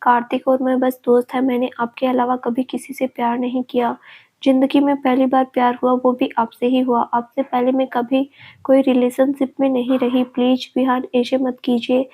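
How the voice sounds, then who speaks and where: A tearful young woman from a storybook, earnestly pleading to be believed, voiced by the narrator. Her voice is high and mellow and stays level. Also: monotone, moderate pace, slightly rough, poor audio. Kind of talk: storybook reading.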